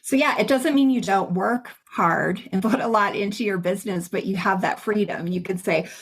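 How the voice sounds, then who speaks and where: A woman's voice: medium pitch, moderate pace, breathy edge. A middle-aged woman hosting an interview, telling stories in an upbeat, chatty way. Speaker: podcast host. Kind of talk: casual interview chat.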